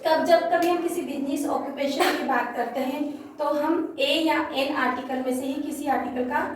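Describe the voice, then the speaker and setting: Female teacher, high voice, patient quizzing delivery, distant echoey classroom sound. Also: steady tone, moderate pace, noisy background. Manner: patient, repeats and quizzes pupils. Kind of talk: classroom grammar lesson. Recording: echoey room from far off.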